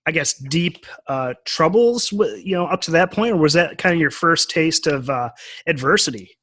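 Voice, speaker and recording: A man's voice: a little high, lively intonation, normal speed, a bit bright, no echo. A man hosting a podcast interview, asking polite, hesitant questions. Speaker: podcast host.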